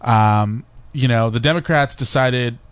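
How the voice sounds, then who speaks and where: A man's voice: medium pitch, measured pace, clean tone, no echo. A man hosting a radio show, steering the talk and reading news items with a wry, joking tone. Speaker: radio host. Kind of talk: casual radio banter.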